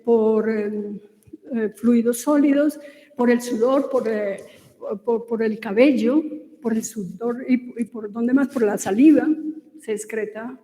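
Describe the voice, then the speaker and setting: In a room with a long, echoing reverb tail, a woman with a Colombian Spanish accent informally lectures on cosmetic ingredients. She often pauses on fillers and restarts phrases, and her high-pitched voice sounds soft-edged and mellow.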